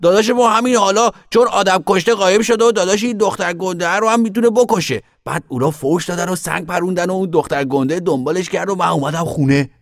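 A man voicing an excited young boy who eagerly retells a fight, in an audiobook reading. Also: sits high, hardly any pauses, no echo, studio quality, pitched above the performer's own voice. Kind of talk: audiobook character voice.

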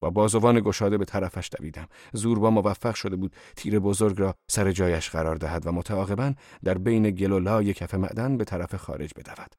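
A man narrating a novel as an audiobook in a steady, measured storytelling manner. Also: deep voice, dry recording, studio quality. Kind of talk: scripted literary narration.

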